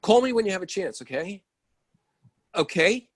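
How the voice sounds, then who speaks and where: This reader in a readers theatre play has a high-sitting, expressive male voice. He takes on an impatient role, a man who badly needs his coffee and loses patience fast, sounding exasperated throughout a bickering exchange in the staged reading.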